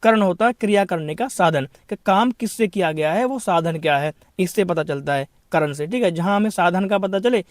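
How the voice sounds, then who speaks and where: Man, high-pitched, grammar teacher, exam coaching, repeats points, asks own questions, dry recording. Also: no echo. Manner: explains then repeats each point, asks and answers his own questions; addresses students as brother. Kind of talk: exam-prep grammar lesson.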